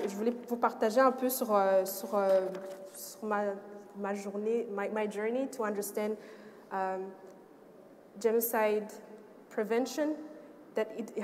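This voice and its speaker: A woman's voice: mid-range voice, a little mellow. A young woman from Rwanda speaking on a panel, earnest and mixing French with English. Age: young adult. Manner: earnest, switches between French and English, frequent restarts. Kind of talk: personal testimony on a panel. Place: event hall. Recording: long reverb of a hall, faint noise.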